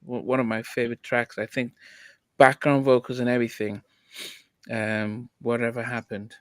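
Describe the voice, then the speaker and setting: A man's voice: mid-range voice, little pitch movement, normal speed, a bit bright, dry recording. A man hosting a podcast, chatting casually about an album with lots of restarts. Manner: hesitant, many restarts and fillers. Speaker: podcast host. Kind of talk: casual music review chat.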